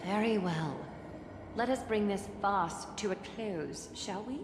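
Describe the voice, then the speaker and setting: A woman's voice: mid-range voice, a little slow, background noise, natural voice. A woman voicing a stern, exasperated noble commander in a fantasy video game, formal and imperious, in echoey audio. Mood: commanding.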